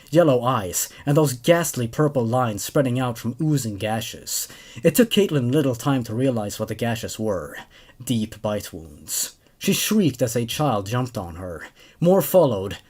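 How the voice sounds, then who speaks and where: This horror-story host, a man in his 20s, reads tales aloud and reviews them between passages. His voice is mid-range, a little mellow and husky. A desk mic on a boom arm picks him up in a small, dark indoor room.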